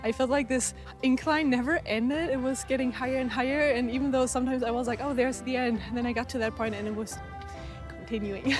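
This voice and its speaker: High-voiced woman vlogging on a hike. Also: fairly even intonation, brisk, faint music behind. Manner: enthusiastic, chatty, a little out of breath while hiking. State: out of breath. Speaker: travel vlogger. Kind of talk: outdoor travel vlog talking to camera. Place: outdoors on a mountain hike.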